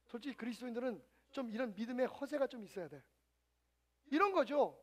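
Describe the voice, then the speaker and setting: A man's voice: extremely high pitch, a little fast. A middle-aged male pastor delivering a sermon, telling stories and acting out scenes. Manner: storytelling, animated acting out of scenes.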